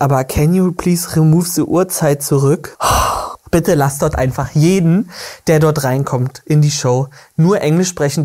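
A woman's voice: low voice, dark tone. A woman hosting a casual reaction podcast, chatty and gushing as she comments. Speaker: podcast host.

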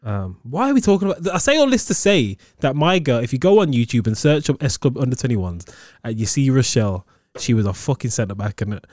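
A man's voice: medium pitch, very animated, brisk, few pauses, a little mellow, dry recording, clean studio sound. A man in his twenties with a London roadman accent, bantering casually in heavy slang. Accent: London roadman, Multicultural London English. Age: 20s. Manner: slang-heavy, punctuating with "bro" and "innit".

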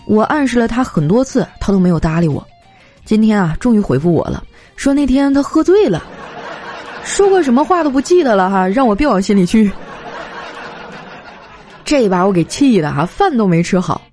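A young woman telling comic anecdotes in a chatty, animated way, slipping into voices for the people in her stories. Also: medium pitch, moderate pace, pauses often. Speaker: comedy storyteller. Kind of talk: scripted comic monologue. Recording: light background music. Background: faint music.

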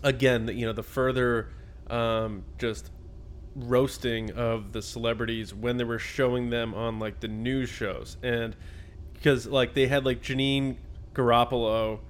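Man telling animated, profane stories. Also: medium pitch, unhurried, slight background noise. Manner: animated storytelling, profane, acts out quotes. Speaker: podcast co-host. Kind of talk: casual chat about a film.

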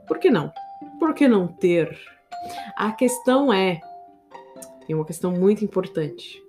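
This is a solo podcast led by a woman who teaches English and has a Brazilian Portuguese accent. Her mid-range voice sounds lively and conversational as she often turns to talk straight to her audience.

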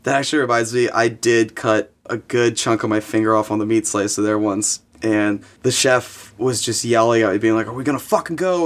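A young man, a chef as guest, telling kitchen stories in a rambling, profane way with lots of fillers. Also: fairly low pitch. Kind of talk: casual storytelling.

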